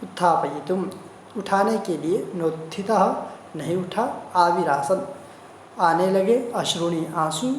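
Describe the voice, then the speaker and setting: A Sanskrit teacher reading a text line by line, glossing each word slowly and repeating the meanings, in a roomy recording with a faint hiss. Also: mid-range voice. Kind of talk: line-by-line translation lesson. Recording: roomy echo, faint noise.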